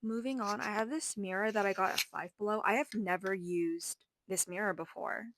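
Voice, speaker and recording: A woman's voice: mid-range voice, fairly even intonation, normal speed, fairly bright tone, slight background noise. A young woman in her twenties giving a rambling, self-deprecating room tour, a little out of breath. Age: 20s. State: slightly out of breath. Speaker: vlogger. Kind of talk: casual room tour narration.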